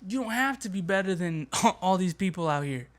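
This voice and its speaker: A man hosting a motivational podcast, talking in an energetic, emphatic way with casual slang. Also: sits high, brisk. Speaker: podcast host. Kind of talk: motivational talk.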